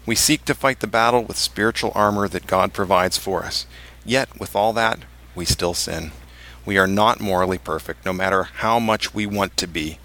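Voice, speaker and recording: A man hosting a religious podcast, reading scripted material and quotations in a measured, emphatic way and moderating a panel. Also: sits low, bright, forceful tone, low-quality recording. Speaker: podcast host, church elder.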